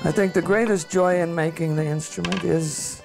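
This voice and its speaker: An instrument maker speaks in a gravelly, mid-range voice about pieces in progress. The talk is quiet and reflective. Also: mid-range voice, fairly even intonation, moderate pace, music in the background. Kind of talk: interview.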